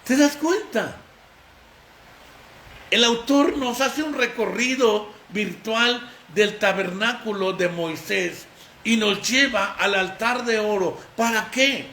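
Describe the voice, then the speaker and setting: A man preaching an informal, emphatic sermon, repeating phrases and chatting with those near him. His voice sits high and sounds bright. It is recorded in an echoey room with faint noise. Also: slow. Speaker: pastor.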